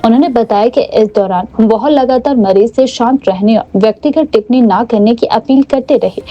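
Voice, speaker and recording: Woman reading the news, dark lo-fi. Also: on the high side. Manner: formal, even news delivery. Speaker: news anchor.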